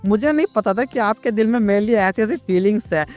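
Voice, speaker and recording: A man's voice: high voice, fast talker, a little mellow, lightly acted. A man voicing a smug, teasing young male office worker in a comic recap. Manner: easygoing, teasing delivery.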